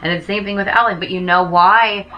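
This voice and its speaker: A woman's voice: medium pitch, steady tone, quick pace, dull audio, a little hiss or hum. A woman chatting casually as a talk show host, gossiping and giving emphatic, slangy opinions with free swearing.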